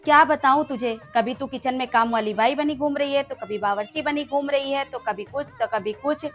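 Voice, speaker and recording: A woman's voice: sits high, moderate pace, faint music behind, natural voice. A woman playing a chatty, teasing mother-in-law with rustic speech in a comic family skit.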